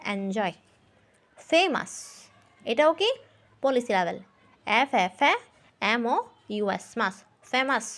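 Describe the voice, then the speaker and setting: A woman teacher gives a grammar lesson. She spells words out letter by letter, asks questions and answers them herself, and reads English sentences slowly before explaining them. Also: fairly high pitch.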